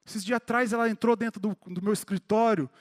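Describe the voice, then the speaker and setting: A man's voice: sits high, fairly even intonation, a little fast. A man in his thirties with a Brazilian Portuguese accent, preaching a sermon at a church service and speaking directly to members of the congregation by name. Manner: grows more fervent and emphatic toward the close.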